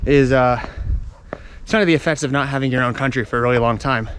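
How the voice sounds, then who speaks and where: A man with a medium-pitched voice talks fast over background noise. He's a travel vlogger wandering outdoors, chatting casually and unscripted, explaining things as he explores.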